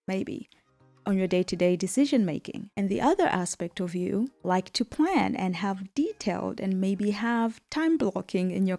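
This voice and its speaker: A woman with a mellow, rounded voice at an ordinary pitch for a woman. She speaks as a coach talking straight to the listener, telling stories and asking "right?" again and again. Soft music plays quietly under her. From Tanzania. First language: Swahili. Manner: warm storytelling, frequent "right?" tags. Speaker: business coach. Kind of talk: talking to camera.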